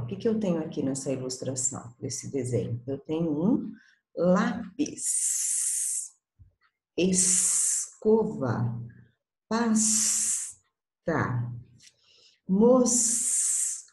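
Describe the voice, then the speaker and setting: A woman with a Brazilian accent guides young pupils through a lesson slowly and patiently, her low, mellow voice rising and falling a lot as she coaxes them along. She often checks that they are following, and the sound carries an echoey room around her. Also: animated. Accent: Brazilian Portuguese. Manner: patient, coaxing, uses small diminutives and checks in often. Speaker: primary school teacher. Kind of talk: recorded class for young children.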